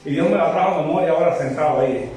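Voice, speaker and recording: A man's voice: a little high, very fast. A man from Cuba, a visiting pastor, giving a fervent testimony and exhortation to a congregation in a church. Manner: fervent, rising to shouted exhortation. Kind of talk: preaching testimony. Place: church sanctuary. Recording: echoey church hall, far from mic.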